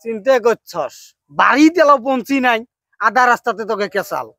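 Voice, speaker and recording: A man's voice: very high-pitched, lively intonation, fairly quick, vocal fry, bright, forceful tone, dry recording, studio quality. Scolding rustic man. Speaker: comedy skit lead. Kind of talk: comedy skit acting.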